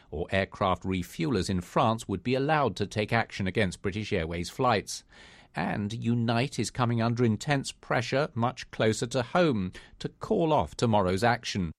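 Low-voiced man reporting radio news. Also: no room sound. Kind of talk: scripted news report narration.

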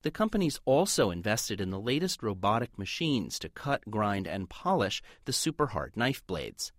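A man's voice: lowish voice, normal speed, no echo, clean studio sound. A man narrating a scripted business news report for radio. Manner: lively, polished delivery.

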